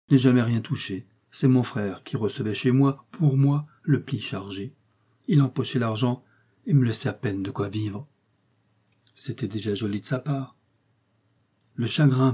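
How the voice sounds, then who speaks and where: A man's voice: medium pitch, dark tone, slightly rough, natural voice. A man voicing a sick, bedridden mother who tells her sorrows in a fearful, grieving way, read as an audiobook story.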